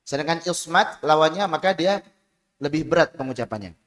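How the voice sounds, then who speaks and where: A man with a fairly high voice teaches Quran pronunciation, sounding out letters one by one and prompting his class to repeat. His voice rings with the long reverb of a large hall. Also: expressive, normal speed, a bit bright. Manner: drills letter sounds aloud, asks students to repeat. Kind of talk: tajwid lesson.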